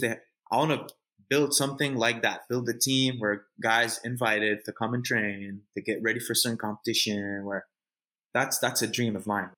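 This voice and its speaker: A jiu-jitsu competitor from Montreal, Canada, talks informally as a guest in a casual, unscripted interview. His mid-range voice is pushed and bright, and he repeats phrases for emphasis and uses plenty of slang.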